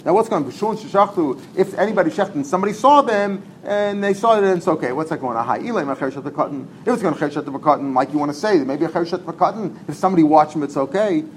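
A man giving an informal Talmud class, talking fast and animatedly, repeating himself and mixing in Hebrew terms. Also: fairly high pitch, lively intonation, a little hiss or hum, rough recording. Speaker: Talmud teacher.

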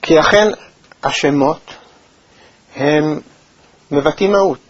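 Man giving a measured Torah lesson. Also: on the high side, no room sound. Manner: measured, thoughtful delivery with pauses and hesitations. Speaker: Torah teacher. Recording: dull, lo-fi recording.

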